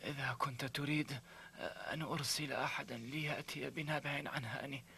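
An actor dubbing a worried adviser in a historical drama, who speaks in an anxious, careful way. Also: male voice, mid-range voice, steady tone, a little fast, gravelly, pushed and bright, slight background noise. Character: worried male adviser to a rebel leader.

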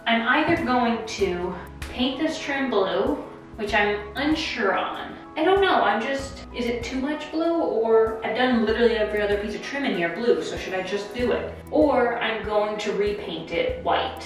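A woman's voice: a little high, normal speed, soft background music. Young woman chatting in a very echoey bathroom. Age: young adult. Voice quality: echoing, reverberant sound. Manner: chatty, expressive, filler-heavy with "like". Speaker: home renovation vlogger. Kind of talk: casual chat to camera. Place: small, unfurnished tiled bathroom indoors. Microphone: camera a few feet away. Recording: very echoey empty room, distant mic.

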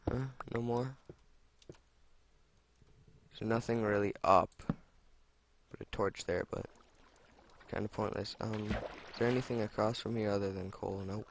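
A young man with a lowish voice talks through his gameplay in a loose, chatty way. He swears and exclaims freely at every find and mishap. A faint hiss sits under his desk mic. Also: fairly even intonation, measured pace, vocal fry, long pauses. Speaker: let's play gamer. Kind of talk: casual gameplay commentary.

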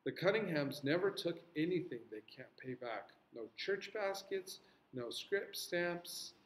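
A man's voice: on the high side, lively intonation, a little slow, roomy sound, slight background noise, voice pushed up. A man voicing an earnest, outspoken young girl who explains things plainly to her teacher. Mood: explaining.

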